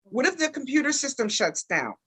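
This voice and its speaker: A woman guest on a live money chat, talking a little funny because of a dental retainer, animated and acting out little dialogues. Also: high voice, brisk, breathy edge, rough recording. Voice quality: slightly impeded speech from a dental retainer. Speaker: guest panelist. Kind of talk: casual panel chat.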